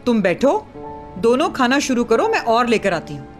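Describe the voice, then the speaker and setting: An actress playing a bustling, motherly middle-aged auntie in a dubbed TV drama, brisk and chiding. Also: fairly high pitch, sing-song, faint music behind.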